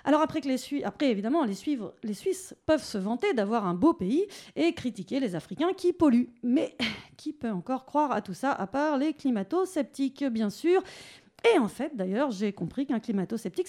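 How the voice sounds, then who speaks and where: A woman's voice: high-pitched, expressive, moderate pace, darkish tone. Sarcastic woman doing a radio column. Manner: sarcastic, mocking. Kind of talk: satirical radio commentary. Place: radio studio.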